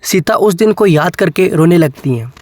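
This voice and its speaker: Guy narrating a cartoon storybook, pretty high voice, dry close sound. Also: animated, moderate pace, a little mellow, dry recording.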